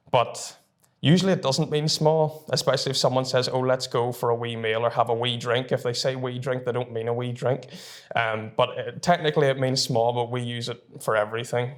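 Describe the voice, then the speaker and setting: Man, early twenties, Northern Irish accent, mid-range pitch, informal chatty explainer, student presenter. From North Down, Northern Ireland. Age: early 20s. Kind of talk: casual explainer to camera.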